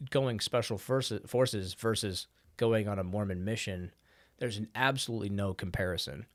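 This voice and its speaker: A young man co-hosting a podcast tells stories with animation, acting out other people's voices and laughing as he goes. His voice sits on the low side. The sound is dry and close to the mic. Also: no echo. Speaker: podcast co-host. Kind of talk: casual conversation.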